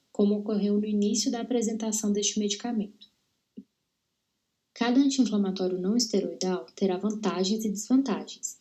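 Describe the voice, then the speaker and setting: Young woman reading a seminar, mellow voice. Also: medium pitch. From Brazil. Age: young adult. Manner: steady, careful reading of technical terms. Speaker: dental student presenting. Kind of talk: read-aloud seminar presentation.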